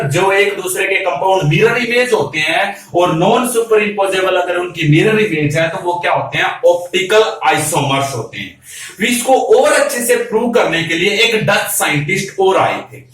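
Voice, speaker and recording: A man's voice: sits high, lively intonation, measured pace, a bit bright. A man teaching a chemistry class, who keeps asking rhetorical questions, answers them himself and calls his students "beta". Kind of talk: classroom lecture. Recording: very echoey room, mic far off.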